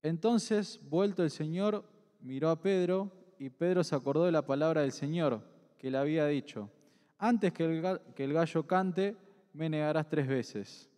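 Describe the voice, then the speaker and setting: A man reading a long scripture passage aloud at a church meeting in a measured, even way. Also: a little high. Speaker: scripture reader. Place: church hall. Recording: echoey church hall.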